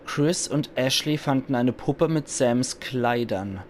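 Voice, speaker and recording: A man's voice: medium pitch, takes it slowly. A man doing casual, blunt let's play commentary, reacting aloud and swearing as he plays. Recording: faint background noise.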